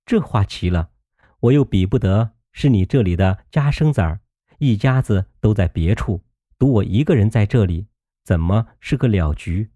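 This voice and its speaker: Male reader voicing a soft-spoken, sharp-tongued young maid; low, mellow, animated. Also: moderate pace, no room sound, studio quality. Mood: gentle, teasing. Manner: coaxing, teasing, reproachful.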